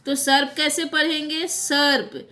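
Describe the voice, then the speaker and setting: A woman teaching Hindi to young children, speaking slowly and patiently, repeating words and asking the class questions. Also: sits high, lively intonation, pushed and bright.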